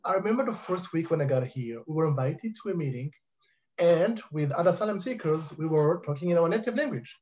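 A French-speaking man in his thirties joins a video call panel through a headset from a high-ceilinged home living room. His slightly high, a little mellow voice moves fairly quickly with lively intonation, earnest and emphatic, repeating for stress. The audio is dull and muffled.

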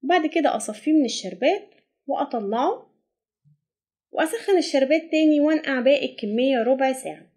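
A woman's voice: high voice, lively intonation, darkish tone. A woman with an Egyptian Arabic accent narrating a recipe step by step as a cooking channel host. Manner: brisk step-by-step instructions.

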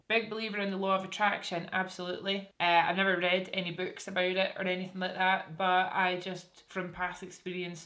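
In a small indoor space with a curtain backdrop, a young beauty vlogger with a Scottish accent chats to camera. Her voice is on the low side and fairly bright, and she tackles viewers' assumptions with self-deprecating humor and many restarts.

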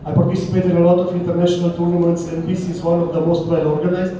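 Romanian-accented male coach, very slow halting speech, high pitch, formal thanks, echoey hall with crowd. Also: monotone, dark tone, distant mic. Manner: halting, deliberate, repeats phrases. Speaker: visiting team coach.

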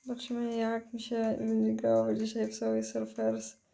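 A stoned woman, high on weed, giving dazed, giggly, foul-mouthed rambling commentary while gaming. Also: monotone, normal speed, creaky, dark tone, soft background music. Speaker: mobile game player. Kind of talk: casual gameplay commentary.

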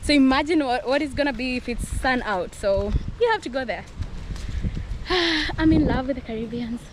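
Young woman travel vlogger, high bright voice, excitable and giggly, handheld camera with clear wind and surf noise. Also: normal speed. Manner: excited, laughs often. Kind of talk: casual travel vlog. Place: outdoors on a windy coastal cliff. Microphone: action camera at arm's length.

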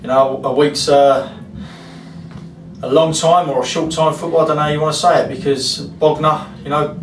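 Football manager, 40s, frank and rambling, distant mic in an echoey room. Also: male voice, fairly high pitch, little pitch movement, moderate pace. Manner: frank, rambling, many fillers. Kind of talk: post-match interview. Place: club interview room, indoors. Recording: roomy echo, distant mic, faint hiss.

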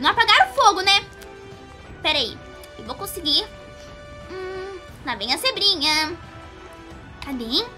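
A bubbly, excitable young cartoon pony girl, put on by a woman, squealing and giggling through game commentary. Her voice sits extremely high and swoops all over in lively leaps. Game music plays clearly behind her. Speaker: gaming youtuber. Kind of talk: gameplay commentary in character. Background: game music playing clearly.

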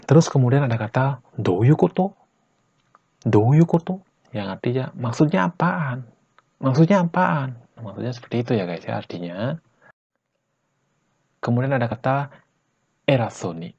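A man from Bali teaching Japanese slang in a casual lesson, saying each phrase slowly and then at normal speed, and tagging lines with a chatty "guys, ya". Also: medium pitch, animated, mellow, slightly rough, muffled recording. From Bali, Indonesia. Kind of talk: casual vlog-style lesson.

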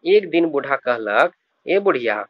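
A man's voice: medium pitch, sing-song, a little slow, dull audio. A male teacher, explaining a regional story by reading lines in dialect and paraphrasing each one plainly.

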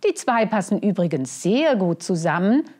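A woman's voice: mid-range voice, very animated, normal speed, darkish tone. A woman reading a children's picture book, voicing a smug, needling, gossipy crow.

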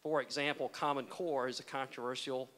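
Brief: middle-aged man, mid pitch, conversational question from the floor in a ballroom. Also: steady tone, fairly quick, a bit bright. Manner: conversational, searching, with fillers. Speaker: foundation president asking a question. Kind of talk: audience question. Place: large conference ballroom.

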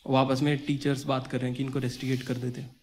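On a small comedy club stage with an audience, a young adult male stand-up comedian tells a comic story into a handheld microphone. His mid-range voice is fast and animated as he acts out dialogue in conversational Hindi slang.

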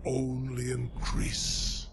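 A man's voice: medium pitch, completely flat delivery, slight background noise. An actor playing a solemn, commanding ancient male dragon in a video game. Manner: slow, grave, gravelly delivery.

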